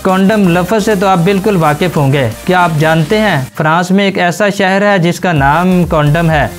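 A man narrating a scripted facts video, addressing viewers as friends in a brisk voice-over. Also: high voice. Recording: faint music under voice-over. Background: background music.

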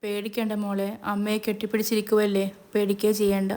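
A woman voicing a gentle, downcast mother comforting her child in a spoken serial recap. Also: mid-range voice, monotone, fairly quick, close to an everyday voice. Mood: soothing. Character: gentle, hopeless mother Chandrika, soothing.

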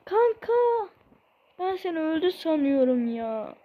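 A woman's voice: sits high, normal speed, muffled recording, slight background noise. A woman voicing an emotional female friend who weeps and clings, in a plain everyday voice. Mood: tearful relief.

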